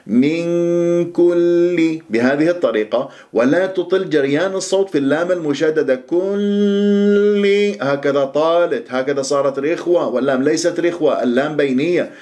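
A middle-aged man teaching Quran recitation rules, explaining quickly and then reciting words slowly as models. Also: medium pitch, darkish tone. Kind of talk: tajweed pronunciation lesson.

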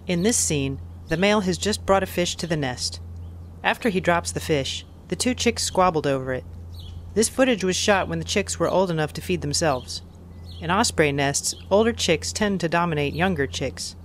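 A man reading scripted nature documentary narration in a measured, factual, explanatory manner. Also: fairly high pitch, animated, fairly bright tone, a little hiss or hum.

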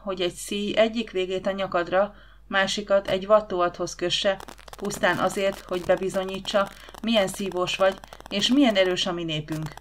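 A woman's voice: fairly low pitch, natural voice. A woman voicing a grave Martian warrior. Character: grim proud green Martian male warrior. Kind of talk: audiobook character reading.

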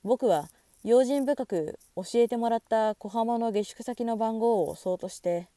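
A woman calmly reading a novel aloud in measured scripted narration, recorded close to the mic. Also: on the high side, no echo. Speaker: audiobook reader.

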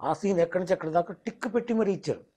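A man's voice: high-pitched, racing, warm tone. A mimicry artist, explaining his craft in an interview and slipping into demonstration voices. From Telangana, India.

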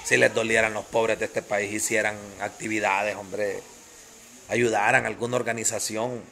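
A man's voice: lowish voice, flat delivery, moderate pace, creaky, sharp tone, slight background noise. Fiery Honduran man ranting on stream. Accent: Honduran Spanish. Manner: passionate, emphatic, repeats phrases for force. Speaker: live-stream host. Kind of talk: heated live-stream rant, greeting viewers.

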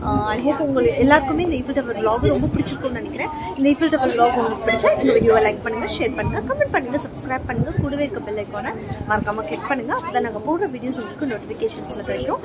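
A woman's voice: on the high side, animated, very fast. A woman with a Tamil accent talking to camera as a travel vlogger. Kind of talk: vlog talk to camera. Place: outdoor viewing deck at night. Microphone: phone at arm's length. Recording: crowded outdoor deck, loud chatter behind.

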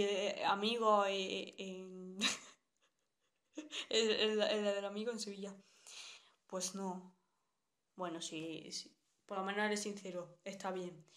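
Young Spanish woman, casual live streamer, frank and talkative. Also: mid-range voice. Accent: Spanish, from Spain. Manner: chatty, blunt, reads viewer comments aloud.

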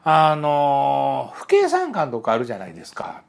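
A man's voice: mid-range voice, wildly swooping pitch, normal speed, gravelly. A man acting out an adult woman client who tells of a lonely childhood, in a chatty, confiding way.

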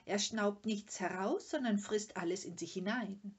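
A woman voicing a tiny, cheeky, sharp-tongued girl creature in a storybook reading, blunt and mocking. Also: mid-range voice, measured pace, breathy edge. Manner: blunt, matter-of-fact, mocking.

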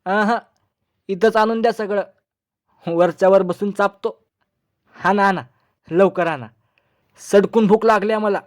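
A man's voice: high-pitched, steady tone. A man voicing a foolish, boastful village son-in-law in a comic storybook reading. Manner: naive and boastful, chattering in quick bursts.

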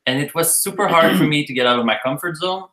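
A man's voice: on the high side, fast, pushed and bright, roomy sound, rough recording. A man casually telling the story of how he met his partner, chatty and playful. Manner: chatty, playful, laughs often. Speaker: co-host telling their story.

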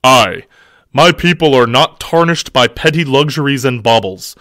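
A man doing a gruff barbarian warrior. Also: medium pitch, expressive, moderate pace, bright, forceful tone, no room sound, clean studio sound.

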